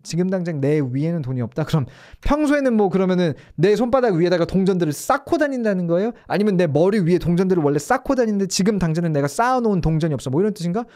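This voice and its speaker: Lively high-voiced man teaching English. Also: very fast, hardly any pauses. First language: Korean. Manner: lively, explains step by step with rhetorical questions. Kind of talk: online English lesson, livestream.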